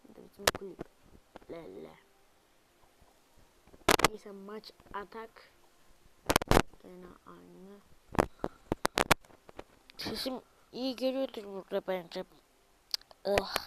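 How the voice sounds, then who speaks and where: A young woman commentating her own gameplay, alternating muttered remarks with loud frustrated outbursts and asides to viewers. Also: medium pitch, slow pace, vocal fry, pauses often, very noisy. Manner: excitable, frustrated outbursts at the game; talks to viewers, asks them to subscribe. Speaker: gaming video creator; student.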